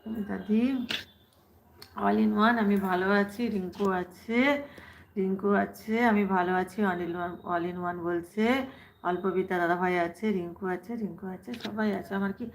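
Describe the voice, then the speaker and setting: A woman hosting a casual live stream on her phone, reading viewers' comments aloud in quick, repetitive runs. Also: mid-range voice, fairly even intonation, vocal fry, a little hiss or hum.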